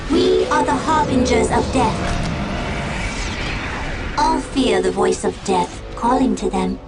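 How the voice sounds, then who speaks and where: A menacing female alien warrior of a strategy game, declaiming like a solemn herald of death. Her voice sits fairly high, and loud music plays behind it. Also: slow pace. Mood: grim menace. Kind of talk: video game unit voice lines.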